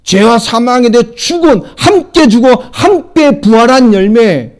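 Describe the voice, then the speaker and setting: A middle-aged pastor preaching with a high-pitched male voice. He fires questions at the congregation and drops from loud emphatic lines to quiet asides. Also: lively intonation, measured pace. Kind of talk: sermon.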